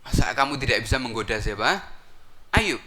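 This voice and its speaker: A man voicing a pack of male devil followers who needle their boss with loud, high, incredulous questions. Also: lively intonation, fairly quick. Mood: incredulous goading. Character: crowd of male devil underlings, goading, incredulous.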